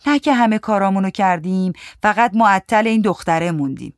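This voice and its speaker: A woman voicing a sharp-tongued, impatient woman who answers with brusque, mocking retorts in a storybook reading. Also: mid-range voice, no echo, studio quality, close to an everyday voice. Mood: weary sarcasm.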